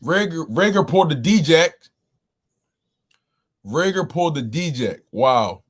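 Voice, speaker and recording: Here a sports call-in show host speaks in a slightly high, husky voice, animated but taking things slowly. It's a casual live stream, and with a bit of roughness in his throat he sounds slightly scratchy as he exclaims, greets the chat and says the same things over again.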